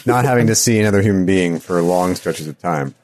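A man's voice: low voice, fairly quick, a little mellow. A man in casual chat, making wry jokes. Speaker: player.

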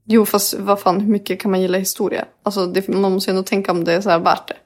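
A young woman co-hosting a casual podcast, blunt and quick to react with disgust and swearing. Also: medium pitch, level tone. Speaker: podcast co-host.

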